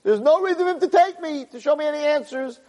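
A man putting on the voice of a calm, very old man who speaks slowly in a high, thin voice. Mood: serene. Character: serene very old man, unhurried. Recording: echoey hall.

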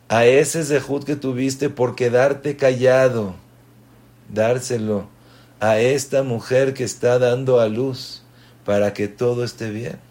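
A man, a rabbi giving a lesson, retelling stories and acting out the quotes. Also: on the high side. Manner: slow, animated retelling with voiced quotes. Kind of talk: Torah lesson storytelling.

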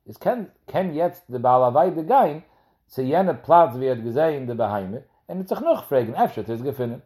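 A man's voice: mid-range voice, sing-song, moderate pace, mellow. A man giving a Talmud lesson, explaining each step and speaking directly to the listener. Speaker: Talmud teacher.

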